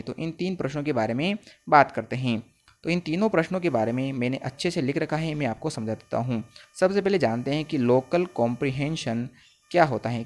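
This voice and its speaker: Guy teaching exam answers, slightly high voice, slow on the english bits. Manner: reads English phrases slowly, then explains in Hindi. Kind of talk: exam paper lesson explaining answers.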